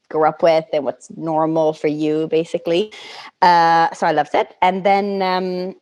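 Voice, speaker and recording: A woman in her thirties from Connecticut, answering interview questions in a relaxed, hesitant way with many fillers. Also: lowish voice. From Connecticut, United States. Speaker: guest.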